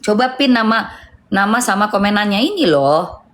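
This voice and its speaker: A middle-aged woman with a lilt, hosting a livestream and reading viewer comments, shifting between heated scolding and soft chat. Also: mid-range voice, expressive, moderate pace. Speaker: livestream host.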